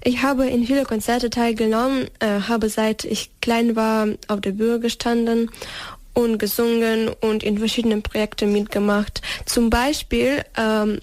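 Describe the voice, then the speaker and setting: A teenage girl from Ukraine answers interview questions. Her voice sits fairly high, and the sound is close and dry. She hesitates often and restarts her sentences. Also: level tone, measured pace, darkish tone, no room sound. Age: teens. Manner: hesitant, many fillers and restarts. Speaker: interview guest.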